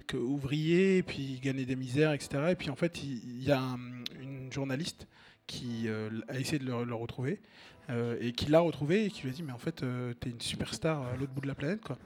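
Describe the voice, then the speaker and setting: A man's voice: medium pitch, brisk, darkish tone. A man hosting a casual music show, agreeable and often restarting his phrases.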